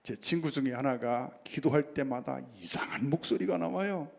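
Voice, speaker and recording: A man's voice: mid-range voice, moderate pace, vocal fry, long reverb tail. A man preaching a sermon as pastor, often calling out to the congregation and answering his own questions. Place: church sanctuary.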